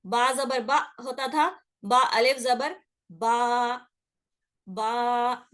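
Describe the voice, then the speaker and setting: Here a woman's high, bright voice carries a forceful tone as she patiently explains Quran recitation rules in class. She stretches sounds to show them and keeps checking in with her listeners.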